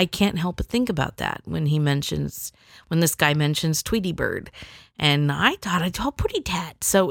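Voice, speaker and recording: A woman's voice: low-pitched, gravelly, fairly bright tone, no room sound, studio quality. A middle-aged woman telling a rambling personal story in a chatty, casual way, acting out the people she quotes.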